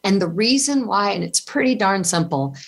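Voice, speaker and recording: A woman guest, a yoga teacher, talking in an effusive, animated way and laughing often during a casual interview. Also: medium pitch, moderate pace, creaky, breathy edge.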